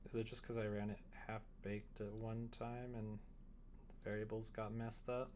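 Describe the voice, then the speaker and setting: Coding a game on a livestream, a young man sits at a computer in a small indoor room and chats casually, thinking aloud with self-deprecating humor. His voice is on the low side and flat, at a normal speed, with slight background noise.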